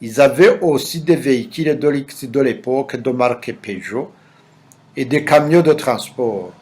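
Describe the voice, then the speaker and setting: A man from Burundi, a human rights defender, giving a measured testimony and listing names and places one by one. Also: mid-range voice, a little mellow. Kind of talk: read testimony.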